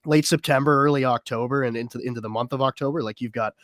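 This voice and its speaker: A man's voice: mid-range voice, fast talker, a bit bright, no echo. Laid-back guy co-hosting sports radio, rambles, repeats himself, dry close mic. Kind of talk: casual sports radio chat. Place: radio studio.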